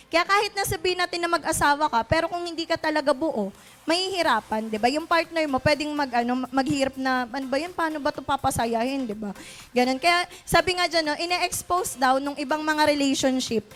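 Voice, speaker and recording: A young woman with a high voice gives a relaxed talk to a youth church crowd. She chats along loosely, filling pauses and tossing in quick asides, and she laughs easily between points. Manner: chatty, many fillers, frequent "di ba?" asides, laughs often. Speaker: youth conference speaker.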